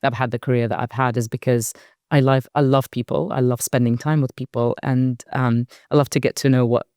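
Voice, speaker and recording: With a bass voice and fairly even intonation, a forty-something Iraqi board director reflects as an interview guest, measured and thoughtful, with quiet fillers now and then. The studio-quality recording has no echo.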